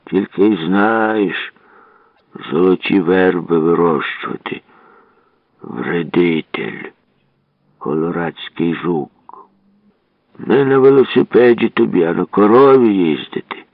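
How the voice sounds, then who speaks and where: A man doing a gruff scolding old grandfather. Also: sits low, animated, no room sound, voice pushed down, full character voice. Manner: gruff, scolding, drawn-out words. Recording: tinny phone-like radio broadcast.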